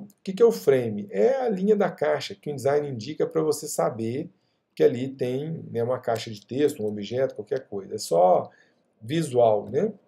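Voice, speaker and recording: A middle-aged man walks viewers through a screen-recorded software tutorial. He keeps asking if they are following along. His voice is dark, slightly high and gravelly. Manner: chatty, checks in often with the viewer. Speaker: software instructor.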